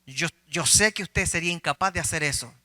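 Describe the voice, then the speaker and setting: A man voicing a calm male pastor in a joke, soothing a worried churchgoer. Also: a little high, fairly quick, no room sound, studio quality. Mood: reassuring. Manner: soothing, reassuring.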